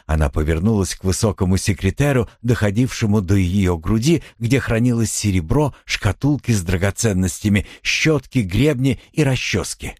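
A man narrating an audiobook in an expressive, dramatic reading style. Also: lowish voice, moderate pace, hardly any pauses, dry recording, studio quality.

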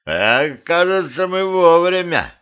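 A man's voice: sits high, sing-song, slow, smooth, muffled recording, voice pushed up, exaggerated voice. A man doing a drunk hollering old man. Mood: drunk glee. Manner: tipsy, hollering.

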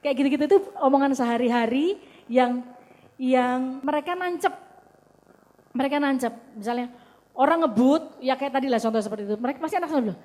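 A woman's voice: sits high, fairly quick, darkish tone. A woman, a mother and guest speaker, telling anecdotes to an audience and quoting her children in a firm, plain way. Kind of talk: casual talk to audience. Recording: long hall reverb.

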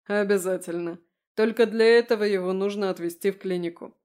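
Female narrator as a steady, courteous werewolf guy, unhurried. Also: medium pitch, clear, resonant tone, natural voice. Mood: calm. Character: polite composed male werewolf, steady.

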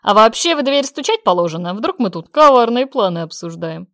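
A woman voicing a young male mage in an audiobook, speaking in a sly, teasing and quietly confident way. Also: fairly high pitch, fairly quick, dry recording, studio quality. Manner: teasing, wry, calmly confident.

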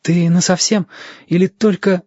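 A man's voice: sits high, steady tone, measured pace, warm tone, dry recording, pitched above the performer's own voice. A man reading an audiobook voices an anxious, eager young boy with pleading, breathless questions. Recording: dull, dry lo-fi audio.

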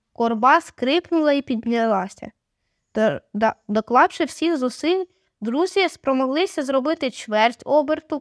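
A woman reading a children's adventure audiobook, voicing the children's shouts herself, with occasional stumbles. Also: high voice, no echo, clean studio sound. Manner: reads steadily, raising her voice for the children's shouted lines. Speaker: audiobook reader. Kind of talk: audiobook narration with voiced dialogue.

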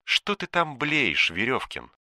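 A man's voice: medium pitch, huge pitch swings, no room sound, clean studio sound, pitched above the performer's own voice, exaggerated voice. A man voicing a cold, menacing phone boss. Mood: contemptuous. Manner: quiet, contemptuous, slow and deliberate. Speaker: shadowy superior giving orders.

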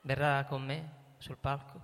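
A male actor plays a pompous, scheming army general in a theatrical radio drama, orating formally and emphatically with smug formality. His mid-range voice is slightly slow, fairly bright, flat in pitch and touched with vocal fry, recorded in a stage performance with long hall reverb.

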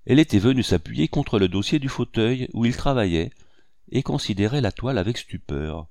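A man giving a measured, even literary audiobook narration. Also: on the low side, gravelly, dry recording, studio quality.

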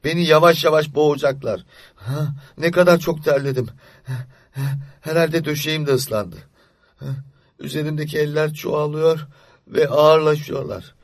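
A man voicing a terrified young boy whispering fears in the dark. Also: fairly high pitch, steady tone, normal speed, no echo, studio quality, pitched above the performer's own voice, natural voice. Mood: panicked. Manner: breathless, panicky inner monologue. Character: frightened young boy lying awake at night. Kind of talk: audiobook story reading.

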